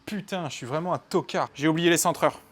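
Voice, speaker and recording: A man's voice: fairly high pitch, brisk. Muttering man working in a noisy workshop. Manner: muttering, swearing, self-mocking. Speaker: mechanic vlogger. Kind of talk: talking to himself while working. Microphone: camera mic from a distance.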